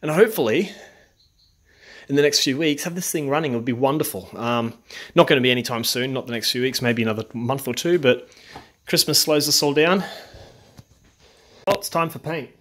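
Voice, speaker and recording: A man's voice: medium pitch, a little fast, long pauses, fairly bright tone. Man chatting in his garage. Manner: rambling, many ums, plain-spoken. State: out of breath. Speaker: home car restorer. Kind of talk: casual workshop vlog. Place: home garage.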